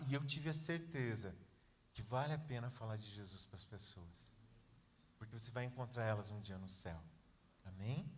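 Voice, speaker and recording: A man's voice: medium pitch, big-room sound. A man preaching a sermon, telling a story in a conversational way with many asides. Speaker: pastor. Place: church.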